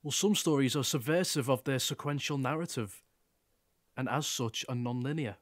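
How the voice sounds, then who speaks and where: A man's voice: mid-range voice, normal speed, lightly acted. An actor playing a pedantic young man who keeps interrupting a story with fussy questions.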